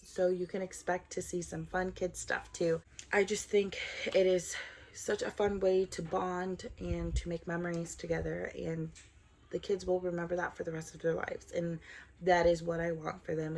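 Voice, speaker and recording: A woman's voice: on the low side, vocal fry. A woman in her twenties from Southern California, introducing herself in an earnest, upbeat scripted vlog. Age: 20s. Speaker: vlogger.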